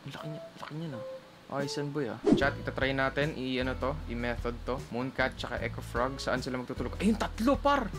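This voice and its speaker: Male Filipino gaming streamer, excitable casual commentary, mid pitch, game music in the background. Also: fairly quick. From Philippines. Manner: excitable, mixes English and Tagalog, talks to chat. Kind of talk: casual gameplay commentary to chat. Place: indoors at someone else's house, keeping voice down. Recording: clear game music under voice.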